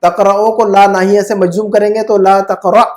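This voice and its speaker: A man's voice: sits high, level tone. A man teaching Arabic grammar in a one-on-one online lesson, patient, checking often that his student follows. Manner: patient, asks frequent check questions. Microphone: video call.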